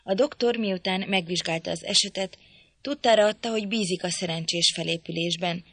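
A woman reads a novel aloud in a measured, steady storytelling manner. Her voice sits low with a gravelly grain. The recording is close and dry. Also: no room sound. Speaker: audiobook reader. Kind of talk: novel audiobook reading.

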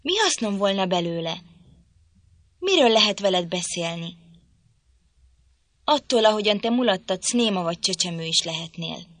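A woman voicing a proud, irritable young lady in an audiobook, speaking in a sharp, commanding, petulant way. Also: medium pitch, lively intonation, long pauses, no room sound, lightly acted. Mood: irritated. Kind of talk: audiobook reading.

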